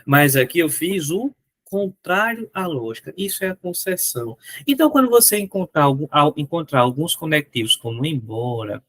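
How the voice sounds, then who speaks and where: A man's voice: on the high side, sing-song, moderate pace, fairly bright tone, dry recording. A man with a Brazilian Portuguese accent teaching an online grammar lesson, asking questions and answering them himself, with a strained throat.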